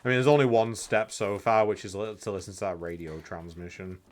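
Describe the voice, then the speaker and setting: A man commenting casually over a game stream, thinking out loud as he plays. His voice sits a little low. Now and then he mutters guide text quietly to himself. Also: steady tone, a little fast. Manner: chatty, thinks aloud, reads guide text under his breath.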